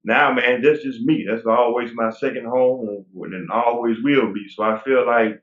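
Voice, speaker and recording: A bodybuilder in his forties, appearing as a guest, talks in a casual interview with a medium-pitched voice at a measured pace. He's relaxed and rambling with many restarts, heard over a tinny phone-like line with roomy echo.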